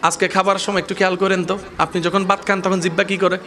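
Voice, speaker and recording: A man preaching a sermon, often shouting and calling on the crowd to answer back. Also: high-pitched, level tone, fast.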